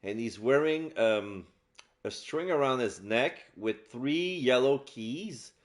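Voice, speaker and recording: A man doing casual let's play narration, describing game scenes aloud in a halting way. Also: medium pitch, lively intonation. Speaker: game streamer and voice-over player.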